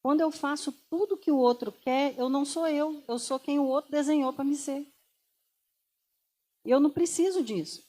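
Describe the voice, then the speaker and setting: A Brazilian woman giving a lively motivational talk to an audience, firing off rhetorical questions and acting out quoted voices. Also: sits high. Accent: Brazilian Portuguese. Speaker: speaker.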